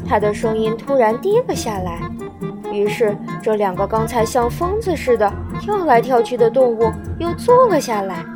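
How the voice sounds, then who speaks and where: A woman storyteller reading a children's storybook aloud in a gentle, expressive way, with soft music behind. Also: a little high, moderate pace.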